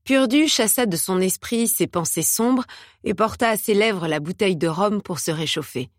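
A woman narrating an audiobook in a measured, steady reading style. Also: medium pitch, no echo, studio quality.

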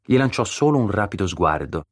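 Deep-voiced male audiobook narrator. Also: husky, dry recording, clean studio sound. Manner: measured, steady storytelling. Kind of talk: scripted narration.

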